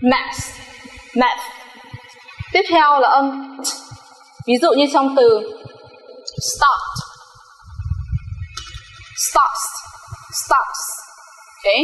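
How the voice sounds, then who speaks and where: Woman teacher, slightly high voice, slow careful delivery with repeated drill words, recorded in a reverberant room. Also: fairly bright tone. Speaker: English teacher. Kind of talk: recorded pronunciation lesson. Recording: echoey room with long reverb.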